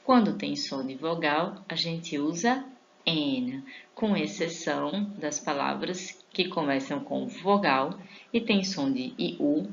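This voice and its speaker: A woman's voice: sits low, lively intonation, dull audio, slight background noise. A Portuguese-speaking woman teaching an online English grammar lesson, casual with her viewers and drawing out each English example word. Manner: informal, addresses viewers as a group; stretches out English example words slowly.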